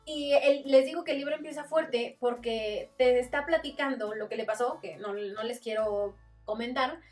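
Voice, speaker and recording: A woman with a Mexican accent talks through a book in a relaxed vlog, dropping into quick voices for quoted exchanges. Her voice sits a little high. She is set back from the microphone, with faint music playing underneath. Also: distant mic. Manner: chatty, acts out quotes with voices. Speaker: book reviewer. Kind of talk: casual book review vlog.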